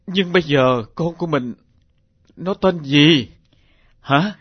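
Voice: mid-range voice, breathy edge, no echo, lo-fi sound. An actor voicing a shaken middle-aged professor and father who stammers, in a radio drama. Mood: questioning. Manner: halting, stammering.

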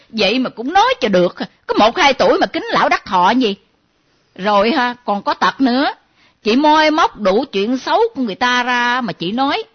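An actress playing a nosy younger female friend who teases and mocks in a lively way. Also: high-pitched. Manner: teasing, lively, mimicking. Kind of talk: comedy sketch acting. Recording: dull lo-fi recording.

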